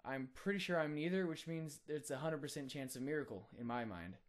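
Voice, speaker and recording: Speaking in a fairly high voice, a young college man offers an earnest, reflective account of his faith, with frequent filler pauses throughout.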